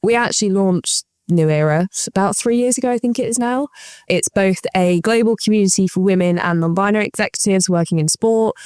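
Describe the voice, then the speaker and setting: A woman's voice: lowish voice, a little mellow, clean tone, dry recording, clean studio sound. A woman in her twenties co-hosting a podcast, chatting in an upbeat, self-mocking way. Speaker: podcast co-host. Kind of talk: casual podcast chat.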